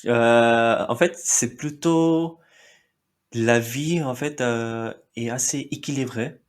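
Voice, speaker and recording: A man in his thirties from India, a native Marathi speaker, chats casually as a podcast guest. His medium-pitched voice moves at a slow pace, full of fillers and short laughs.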